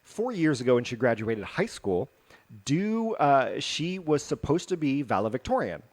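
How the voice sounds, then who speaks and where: A man's voice: mid-range voice, very animated, normal speed, a little mellow. Guy cohosting a podcast, jokey and rambly, lots of uh and um, medium voice. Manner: rambling, jokey, many fillers and restarts. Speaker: podcast co-host. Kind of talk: casual chat, reading news stories.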